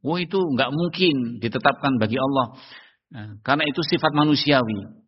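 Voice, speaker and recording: Speaking at a moderate pace with a breathy edge to his mid-range voice, this Islamic preacher gives a religious study lecture. He keeps asking if the audience follows him and poses rhetorical questions, all captured as dull audio in a long-reverb hall.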